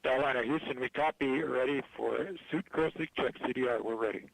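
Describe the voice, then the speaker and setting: A man working as a mission control radio operator, giving brisk, clipped procedure calls over a crackly space radio transmission. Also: mid-range voice, gravelly. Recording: distant radio link.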